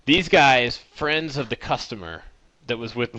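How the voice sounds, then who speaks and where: Bright-voiced man hosting a podcast. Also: mid-range voice, measured pace, no echo, poor audio. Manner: animated storyteller, retells friends' antics. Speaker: podcast host. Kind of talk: casual chat.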